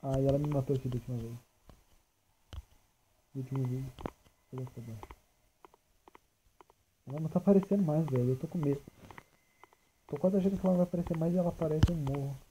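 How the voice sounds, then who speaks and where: A man's voice: fairly high pitch, fast, pauses often, mellow, slight background noise, poor audio. A teenage boy with a Brazilian accent commentating a horror game, nervous and joking, yelping at scares and talking back to the monsters. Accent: Brazilian Portuguese. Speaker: gaming channel host. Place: at home.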